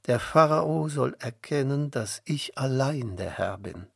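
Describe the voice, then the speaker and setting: A man reading the words of God in a storybook, calm and assured. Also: mid-range voice, unhurried, gravelly, slightly rough, no echo, studio quality, full character voice. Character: calm reassuring male God.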